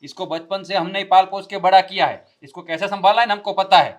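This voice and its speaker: A man's voice: high-pitched, a little fast, natural voice. An actor playing a rude, quarrelsome younger brother who scolds his family harshly. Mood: taunting. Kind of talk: scripted family drama acting.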